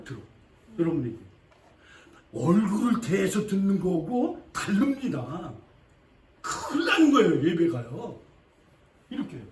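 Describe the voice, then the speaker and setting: A man's voice: high-pitched, far from the mic. Emphatic preaching man in an echoey church. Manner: emphatic, repetitive, swings from loud to quiet. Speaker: pastor. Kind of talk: sermon. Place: church sanctuary.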